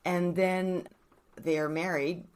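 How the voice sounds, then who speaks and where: A woman's voice: fairly low pitch, level tone, takes it slowly, a little mellow, clear, resonant tone. A woman co-hosting a casual podcast, reading Bible verses and asking curious questions with light jokes. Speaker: podcast co-host.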